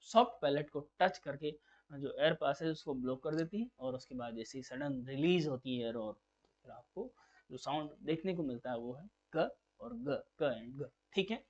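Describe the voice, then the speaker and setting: A man's voice: medium pitch, normal speed, darkish tone. Man teaching phonetics, dull recording. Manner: patient, repeats key terms as questions to drill them. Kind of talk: exam-prep lecture.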